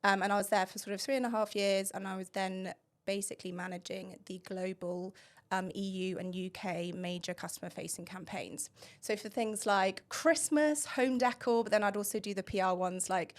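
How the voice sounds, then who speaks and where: A talkative woman in her thirties, from England, telling her career story as a podcast guest. Her pitch sits in the middle, and she rambles cheerfully and breaks into laughter along the way. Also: steady tone, moderate pace. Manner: talkative, laughs often, long-winded. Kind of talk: casual chat.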